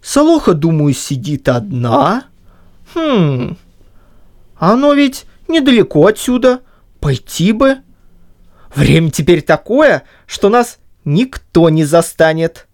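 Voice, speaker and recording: A woman's voice: lowish voice, very animated, slow, darkish tone, pitched above the performer's own voice. A woman voicing a stubborn, grumbling older Cossack man in an audiobook reading, with a whiny, indignant manner. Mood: scheming. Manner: whiny, indignant, muttering to himself. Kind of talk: audiobook reading of a classic story.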